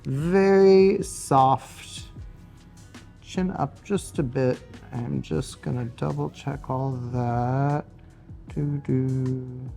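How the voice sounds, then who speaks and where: A man narrates a hair and makeup tutorial at an unhurried pace, walking through each cut and angle in calm detail. His pitch sits in an ordinary middle range. Soft music plays faintly behind him. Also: gravelly. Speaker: hairstylist and makeup artist.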